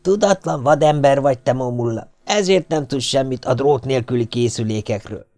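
A man voicing a boastful, scheming Swedish sailor who talks down to others and lies smoothly. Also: mid-range voice, mellow, dry recording, lightly acted. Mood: condescending. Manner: condescending, smoothly lying.

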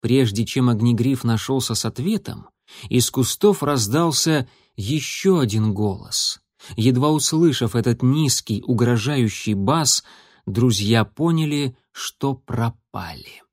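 A man reading a children's adventure story aloud in a steady, expressive narration. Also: mid-range voice, unhurried, no room sound, studio quality. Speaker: audiobook narrator.

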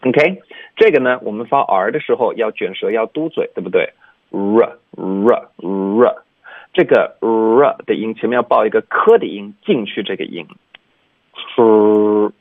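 A man's voice: lowish voice, expressive, a little fast, slightly rough, no echo. A man teaching English pronunciation on a radio lesson, explaining patiently and demonstrating sounds with exaggerated articulation. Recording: dry, tinny phone-like sound.

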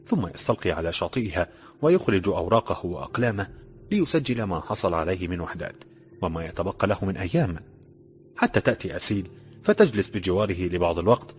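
Man narrating a story, very low voice, steady and dramatic, faint music behind. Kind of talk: audiobook narration.

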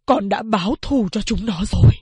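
A woman voicing a strong, stern man speaking in a grave, measured way. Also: medium pitch, a little mellow, slightly rough, no echo. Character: stern, strong man, grieving father and fugitive.

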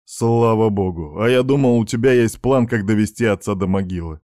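A man's voice: lowish voice, normal speed, a little mellow, dry recording, studio quality, natural voice. A man voicing a stern middle-aged father lecturing his teenage son in a firm, reproachful way.

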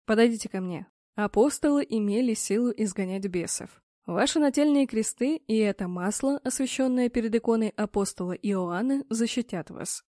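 A woman voicing a stern, knowing man who calmly instructs others before a ritual, in an audiobook. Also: a little high, normal speed, dry recording, clean studio sound, close to an everyday voice. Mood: instructive. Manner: calm, instructive, admonishing.

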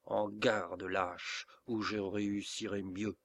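A man voicing an angry, hot-headed young nobleman in an audiobook, shouting challenges. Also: lowish voice, flat delivery, takes it slowly, vocal fry, full character voice. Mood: furious. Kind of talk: audiobook character reading.

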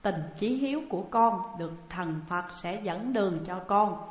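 A woman's voice: medium pitch, expressive, normal speed, echoey room, long reverb tail, lo-fi sound, close to an everyday voice. A woman reading as a tender old mother.

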